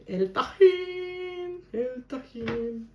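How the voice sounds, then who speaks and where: Speaking extremely slowly in a high, expressive voice, this Guadalajara woman with a Mexican Spanish accent walks through a recipe at home as a cooking video host. Chatty and stubborn, she talks casually with her viewers and keeps asking "¿ok?" from her home kitchen. The recording has an echoey room and a noisy background.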